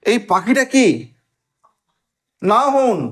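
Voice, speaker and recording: A man's voice: very high voice, extremely slow, a bit bright. A man teaching English grammar in a classroom lesson, explaining step by step and checking with frequent questions, drawing out words when he spells or stresses them.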